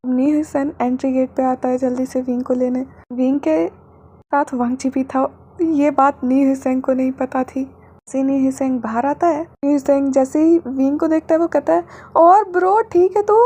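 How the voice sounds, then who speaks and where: A woman storyteller reading fan fiction aloud in a lively, dramatic way. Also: high voice, normal speed, slightly rough.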